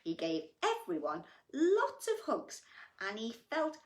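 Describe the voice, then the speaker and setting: A woman with a slightly high voice and huge pitch swings hosts a children's story time, reading bedtime stories and chatting to young listeners at a slow pace. She is gushing, affectionate and exclamatory in her animated storytelling. The room sounds echoey.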